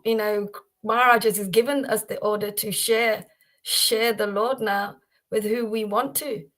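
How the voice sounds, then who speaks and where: Measured in pace and fairly even in intonation, this woman's medium-pitched, fairly bright voice hosts a devotional livestream. She speaks casually and repetitively to viewers by name, with many restarts and fillers.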